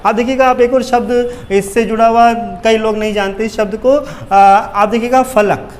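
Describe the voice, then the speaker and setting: A man's voice: sits high, steady tone, moderate pace, darkish tone, slight background noise. A male teacher giving an exam-prep grammar lesson at a board, asking questions and answering them himself.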